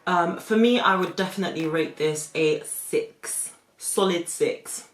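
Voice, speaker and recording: A young woman hosting a casual snack-tasting vlog, chatty and giggly, with bursts of quick talk. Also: on the low side. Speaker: vlog host. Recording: roomy room, faint background music.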